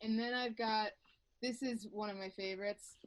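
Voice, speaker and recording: A woman's voice: fairly high pitch, fairly even intonation, normal speed, slight background noise. A woman guest on a podcast video call, chatting eagerly and swearing casually while showing off her records. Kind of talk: casual chat about vinyl records.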